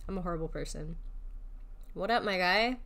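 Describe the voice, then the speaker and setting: A young woman, a vtuber, streams a video game with casual, joking commentary and slangy, teasing reactions. Her voice is fairly low and moves at normal speed. The recording is very noisy.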